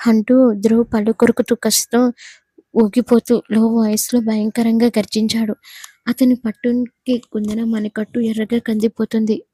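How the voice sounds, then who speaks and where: A woman narrating a romance story in a steady, measured manner. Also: on the high side, breathy edge, no echo.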